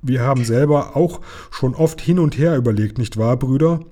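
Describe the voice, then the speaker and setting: A man reading aloud, voicing a crowd of rowdy giant pirate brothers with raised, boisterous, drawn-out shouts and half-sung lines. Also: medium pitch, lightly acted. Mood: gruff. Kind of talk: singing a pirate song, half-spoken.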